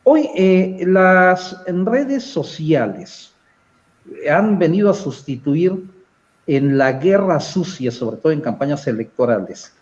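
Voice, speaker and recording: A man with a Mexican accent speaking as a panelist in a political discussion, measured and analytical, often pausing on hesitant fillers. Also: a little high, lively intonation, a little mellow, muffled recording.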